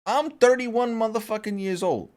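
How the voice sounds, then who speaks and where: A man's voice: high voice, moderate pace, darkish tone. A man in his thirties co-hosting a podcast in casual chat, talking in an emphatic, profane, motivational way. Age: 30s. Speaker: podcast co-host.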